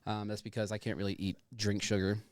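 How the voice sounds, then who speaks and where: A man's voice: fairly low pitch, level tone, quick pace, dry recording. A man hosting a podcast in casual chat, rambling and playful, with some swearing. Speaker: podcast host.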